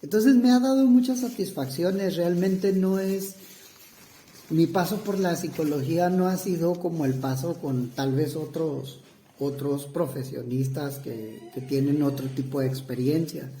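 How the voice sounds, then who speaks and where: Un hombre mexicano de unos cuarenta años, psicoterapeuta, que responde una entrevista con titubeos, muletillas y frases que vuelve a empezar. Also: male voice, a little high, dark tone, slight background noise. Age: 40s. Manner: halting, many fillers and restarts. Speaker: psychotherapist interviewee. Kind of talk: hesitant interview answers. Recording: roomy echo.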